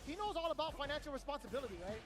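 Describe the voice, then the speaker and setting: A man's voice: very high voice, lively intonation, very fast, over music. A man commentating a fighting game tournament live, joking and slangy.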